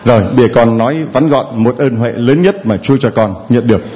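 Male priest, mid pitch, guiding and announcing in a reverberant church. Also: a little fast. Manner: gentle, guiding, announcing to the congregation. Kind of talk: leading a Sunday service. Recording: long church reverb, faint ambience.

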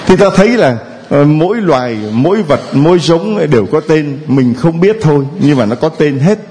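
A man's voice: fairly high pitch, lively intonation, moderate pace, mellow. A man preaching a homily who keeps a playful tone, quizzing the congregation with questions and chuckling between points. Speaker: priest.

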